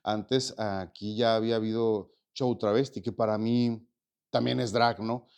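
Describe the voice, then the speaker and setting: A Mexican actor and stage producer in his forties answers questions in a casual interview, reflecting and rambling with many fillers and repeated words. His voice is on the low side, steady, measured, a little mellow and clean.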